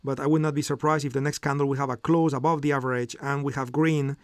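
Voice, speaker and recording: Quick-paced and level in tone, a middle-aged man with a mid-range voice leads a live trading lesson with no echo. He breaks the market commentary into steps, uses many fillers and keeps checking in with "okay?"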